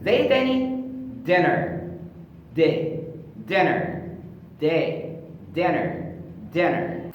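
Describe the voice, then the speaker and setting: A man's voice: mid-range voice, a little hiss or hum. Echoey Egyptian man drilling pronunciation. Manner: repeats words slowly for drilling, playful asides. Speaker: English pronunciation teacher. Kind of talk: casual Egyptian Arabic lesson with drilled English words. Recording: very echoey room with long reverb.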